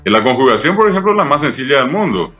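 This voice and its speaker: Un hombre de mediana edad con acento paraguayo, profesor invitado que explica con paciencia y muchos "eh" y "¿verdad?". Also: male voice, medium pitch, very animated, very fast, fairly bright tone, faint music behind. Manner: patient, didactic, many fillers "eh" and "¿verdad?". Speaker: Guaraní language professor, guest. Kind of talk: explanatory interview talk.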